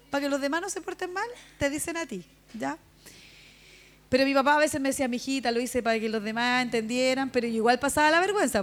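A high-voiced woman pastor delivers a sermon. She tells a personal story in a lively way, acting out the people in it and turning to ask the congregation questions. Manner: animated storytelling, acting out her father and herself, asking the audience questions.

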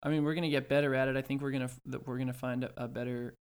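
A young man with a mid-pitched voice chats casually as a podcast co-host. He thinks out loud, feeling his way through sentences and often rephrasing as he goes. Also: flat delivery, racing, smooth. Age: early twenties. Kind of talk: casual chat.

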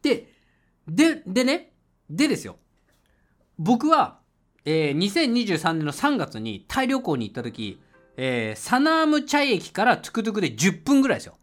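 A man host telling a casual travel story, laughing often and breaking into loud English shouts when he reenacts moments. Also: high-pitched, wildly swooping pitch, normal speed. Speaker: podcast host. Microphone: home mic voice message.

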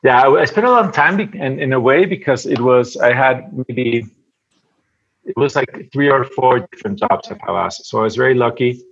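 This podcast guest, a Venezuelan ad creative whose native tongue is Spanish, chats in English in a relaxed interview. His medium-pitched voice is gravelly and slightly rough, the recording lacks highs, and he hesitates, repeats himself a lot and laughs softly while thinking aloud.

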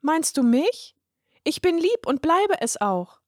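A woman's voice: high-pitched, big pitch swings, slow pace, dry recording, clean studio sound, pitched above the performer's own voice, heavily acted. A woman voicing a cheerful, teasing little girl in a read-aloud children's story. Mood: cheeky. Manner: chirpy, teasing, sing-song. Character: cheerful freckled little girl, playful and bright. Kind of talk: storybook reading.

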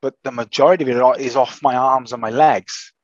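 The podcast host, a man of middle pitch with a steady tone, speaks hesitantly as he works through a long story of recovering, restarting frequently. His voice seems a little affected by the illness, and the somewhat dull, dry recording has no echo.

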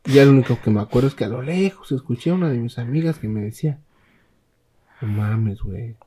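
A man with a Mexican accent hosting a podcast, telling a story in a casual, slangy, animated way and imitating other people. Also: medium pitch, racing, slight background noise. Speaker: podcast host.

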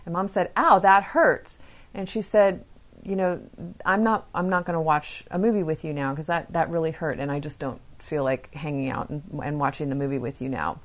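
Low-voiced woman hosting a parenting podcast. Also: fairly quick. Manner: calm, earnest storytelling with acted quotes. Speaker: podcast host. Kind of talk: podcast monologue telling parenting stories.

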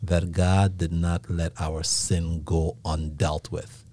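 A man's voice: deep voice, level tone, takes it slowly, dark tone. A man with a Nigerian accent co-hosting a casual faith discussion, teaching reflectively and often checking in with "right?".

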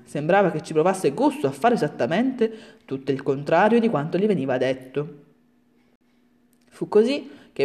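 A woman narrating a bedtime fairy tale in a soft, soothing manner as a storyteller. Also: low voice.

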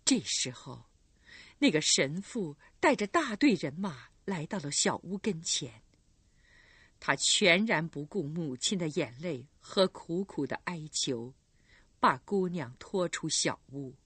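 Slow expressive woman audiobook narrator. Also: deep voice, breathy edge, no room sound.

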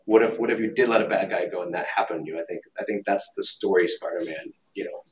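A man's voice: low voice, quick pace. A man co-hosting a podcast, chatty and rambling, with many restarts. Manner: chatty, rambling with repeated starts. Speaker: podcast co-host. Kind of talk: casual chat. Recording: distant mic.

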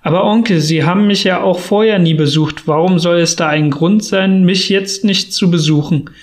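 A man's voice: sits high, normal speed, lightly acted. A man reading an audiobook, voicing a cheerful, earnest young man who pleads in a heartfelt way. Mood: pleading.

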